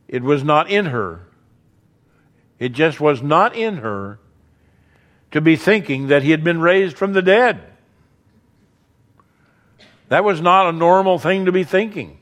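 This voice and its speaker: Guy preaching a sermon, kinda high voice, earnest, piles up repeated phrases. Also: slow pace, long pauses, a bit bright. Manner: earnest, building emphasis with repetition.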